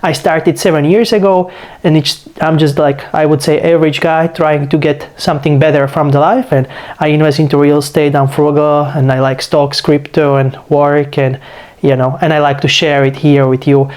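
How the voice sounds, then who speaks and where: A Slovak man in his twenties speaks English with a Slovak accent in a voice on the high side, flat in delivery, a little mellow, at normal speed. Slightly sick, he rambles loosely through a casual vlog monologue as channel host, leaning on fillers like "you know" and "like."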